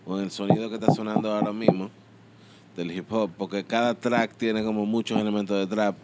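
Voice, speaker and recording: A man, a music producer explaining his work in a relaxed, rambling way in a casual interview. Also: on the low side, fairly quick, heavy background noise.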